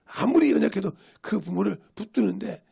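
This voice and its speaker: A man's voice: high voice, animated, a little fast, gravelly, warm tone, husky. A male pastor preaching a sermon, pressing his points with emphatic rhetorical questions.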